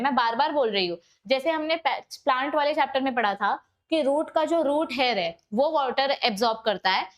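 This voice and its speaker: A woman delivers an exam-prep biology lecture with a high voice. She explains step by step, drops in English terms, and corrects herself when she slips. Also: a bit bright. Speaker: biology teacher.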